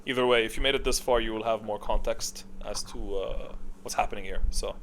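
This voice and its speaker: A gamer and video creator gives casual, off-the-cuff commentary ranking game characters, rambling as he thinks aloud and corrects himself. His fairly low, fairly bright voice keeps a fairly even intonation at a fairly quick pace, with slight background noise.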